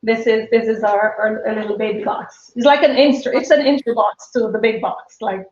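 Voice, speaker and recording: This guest, a small business owner in her fifties, chats easily on a live stream and laughs frequently, her Jamaican accent blended with British and American sounds. She speaks at a moderate pace in a slightly high, steady, somewhat mellow voice, while the roomy audio is dull and carries a little hiss or hum.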